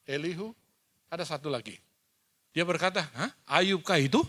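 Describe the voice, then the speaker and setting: A male pastor preaching a sermon, retelling scripture with animated acted-out dialogue. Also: sits high. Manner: animated storytelling, acts out dialogue. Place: church hall.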